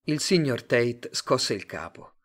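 A man reading a story aloud as its narrator, in a measured, expressive way. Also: mid-range voice. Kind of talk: audiobook narration.

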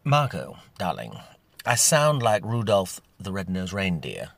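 A man's voice: sits low, wildly swooping pitch, measured pace, gravelly, fairly bright tone, no room sound, full character voice. A man playing a theatrical older Englishman who gossips indignantly, drawling his darlings.

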